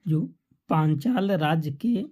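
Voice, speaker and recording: A woman's voice: low-pitched, expressive, takes it slowly, mellow. A woman teaching exam facts as a quiz-style lecture, asking questions and answering them herself. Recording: dull lo-fi recording.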